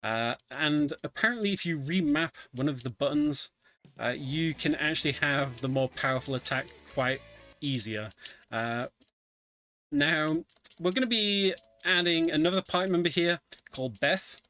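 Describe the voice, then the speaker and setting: Over background video game music, a man commentates his own speedrun live, explaining what he does but sounding somewhat hesitant. He speaks at a moderate pace in a fairly high, bright, forceful voice.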